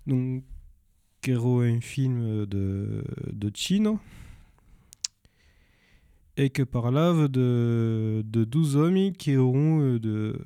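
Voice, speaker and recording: A man recommending films in a second language, halting and searching for words as he goes. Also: medium pitch, animated, dark tone, clear, resonant tone, no echo, studio quality. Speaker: film presenter. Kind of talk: informal spoken film recommendations.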